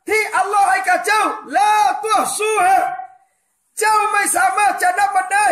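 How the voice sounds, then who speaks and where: A man, preaching a loud, fervent sermon to a crowd he calls brothers and sisters. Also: very high voice. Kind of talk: shouted Islamic sermon. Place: hall on a small island. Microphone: loudspeaker PA. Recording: echoey loudspeaker sound.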